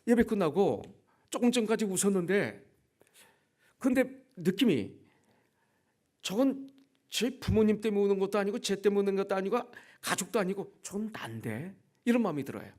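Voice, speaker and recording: A man in his sixties preaches in a church, telling his own story as testimony. His voice sits a little high for a man, and it rises and drops as he acts out the dialogue in the story. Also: expressive, normal speed, a little mellow. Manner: storytelling testimony, acting out quoted dialogue with shifts in pitch and volume. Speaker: pastor. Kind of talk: sermon. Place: church sanctuary.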